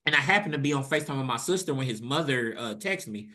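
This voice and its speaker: Animated, bright-voiced young man telling a story. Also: quick pace. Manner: animated, profane, acts out quotes with rising pitch. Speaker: podcast co-host. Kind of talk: casual storytelling chat.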